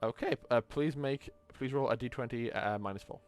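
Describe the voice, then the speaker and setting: A man's voice: mid-range voice, normal speed. Man, game master, tabletop narration, stammering restarts, light music behind.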